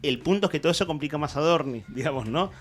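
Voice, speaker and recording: In a radio studio, a man with an Argentine Spanish accent hosts a morning show, rambling through the news with many restarts. His fairly high, slightly rough voice races along with lively intonation.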